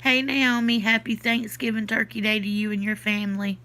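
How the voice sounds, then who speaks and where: At a normal speed and in a level tone, a woman with a fairly high, pushed and bright voice hosts a livestreamed podcast. She's from the Southern US, speaks with a Southern accent, sounds congested in the sinuses, and casually answers comments from her chat.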